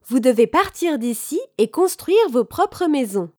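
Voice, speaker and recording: A woman voicing a gentle but firm mother pig in a storybook reading. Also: sits high, very animated, a little slow, no room sound, studio quality, voice pushed up.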